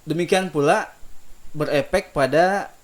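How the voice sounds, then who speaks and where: A man teaching melodic recitation, calmly explaining each note and singing slow drawn-out demonstrations, gently encouraging students. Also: fairly high pitch. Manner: slow drawn-out sung phrases between unhurried explanations; gentle and encouraging, soft-spoken asides. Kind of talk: relaxed spoken lesson with sung demonstrations.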